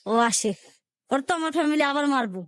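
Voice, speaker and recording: Animated and fairly quick, a woman with a high, fairly bright voice shares her own life story emotionally, in colloquial Dhaka-area Bangladeshi Bengali. She voices the quoted conversations in dialect. The studio-quality recording has no echo.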